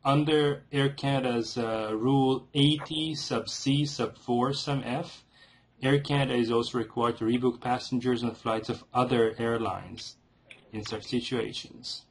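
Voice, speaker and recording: A man calling an airline as a customer, making a formal and insistent complaint in a halting way. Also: medium pitch, fairly even intonation, slight background noise, poor audio. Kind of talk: formal complaint on a phone call.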